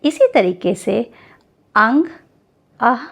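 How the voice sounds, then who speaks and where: A woman teaching a Hindi grammar lesson, spelling out each syllable slowly before saying the whole word. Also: on the high side, animated, vocal fry, a bit bright.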